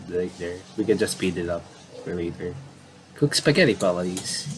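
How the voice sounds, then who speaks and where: A low-voiced man plays through a visual novel, reading its text aloud and adding casual let's-play commentary. He rambles a bit, repeating and rephrasing himself. The audio is poor, with a little hiss or hum.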